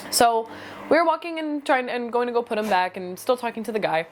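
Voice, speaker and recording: A woman's voice: fairly high pitch, expressive, brisk, a little hiss or hum. A young adult woman chatting casually in a storytelling vlog, filling her sentences with "like". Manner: chatty, leans heavily on "like" as filler. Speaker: vlogger.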